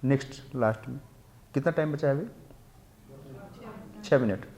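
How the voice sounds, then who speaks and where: A man with a mid-range, slightly mellow voice lectures on scripture in a temple setting. He chants the Sanskrit verses slowly, explains them, asks rhetorical questions, and mixes English into his Hindi.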